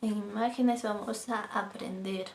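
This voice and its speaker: An Aymara language teacher runs a vocabulary lesson, patiently repeating each word and closing phrases with a questioning "¿no?" tag. Her mid-range voice is fairly even in intonation and a little slow, with vocal fry and slight hiss or hum in the background.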